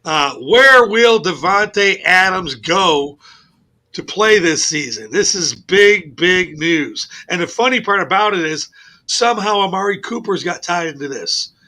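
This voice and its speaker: A man hosting a casual sports radio show, telling stories in an animated, profane way. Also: sits high, measured pace. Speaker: host. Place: radio studio.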